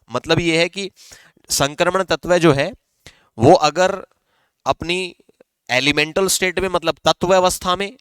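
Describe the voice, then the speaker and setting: A man's voice: fairly high pitch, clean tone, no room sound. A male chemistry teacher with a Rajasthani Hindi accent, explaining exam questions step by step and answering his own questions. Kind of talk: exam-prep chemistry lesson.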